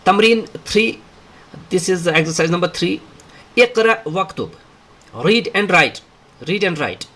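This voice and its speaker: A man leads a spoken Arabic lesson, reading short drill sentences and explaining them in a mix of Hindi-Urdu and English. His voice is bright and a little high. He speaks very slowly, with long pauses and drawn-out fillers. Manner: slow and deliberate, with many drawn-out fillers. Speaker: Arabic teacher.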